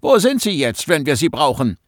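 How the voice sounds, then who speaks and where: A man's voice: a little high, big pitch swings, moderate pace, no echo, studio quality, pitched above the performer's own voice. A man reading an audiobook and voicing an anxious teenage schoolboy who talks in an agitated, pleading way. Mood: sarcastic. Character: anxious teenage schoolboy, first-person hero.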